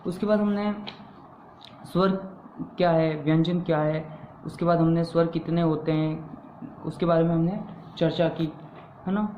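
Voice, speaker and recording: Male teacher, slow and deliberate, answers his own questions, repeats key terms; roomy echo, phone-thin sound. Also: fairly high pitch, steady tone, slight background noise. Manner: asks the class questions and answers them himself. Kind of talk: classroom-style grammar lesson. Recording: echoey room over a tinny phone-like line.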